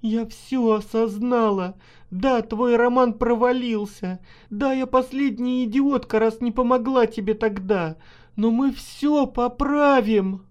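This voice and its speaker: A man reading an audiobook and voicing a desperate young wife who pleads and scolds in a high, shrill voice. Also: lively intonation, measured pace, darkish tone. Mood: tearful pleading.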